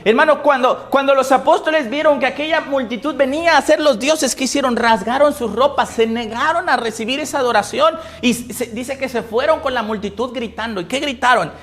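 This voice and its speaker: A man preaching a sermon, asking the congregation questions and answering them, moving between loud emphatic scripture reading and low, quiet asides. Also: a little fast, hardly any pauses. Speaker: pastor.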